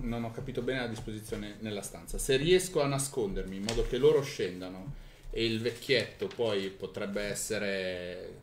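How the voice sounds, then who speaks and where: A man with a fairly low voice chats casually as a game player, thinking aloud with hesitant murmurs. The recording is roomy, with clear noise behind him. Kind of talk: casual table chat.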